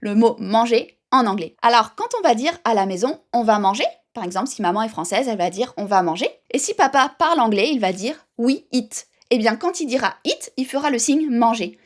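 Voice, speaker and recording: Bubbly woman, slightly high voice, emphatic tutorial on baby signs, talks right to you. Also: lively intonation, brisk, hardly any pauses. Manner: upbeat and emphatic, addresses viewer directly. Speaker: baby sign language educator. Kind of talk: direct-to-camera tutorial.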